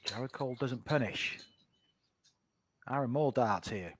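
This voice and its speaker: A man's voice: mid-range voice, unhurried. A man giving live sports commentary on a darts match. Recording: very noisy live stream sound.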